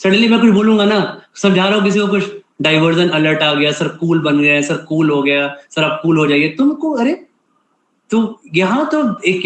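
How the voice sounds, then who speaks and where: A man's voice: fairly high pitch, a bit bright. A man teaching an online class, giving a stern scolding lecture with an Indian English accent and repeatedly checking "ठीक है?". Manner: stern, repeats "ठीक है?" and switches often between Hindi and English. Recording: echoey room.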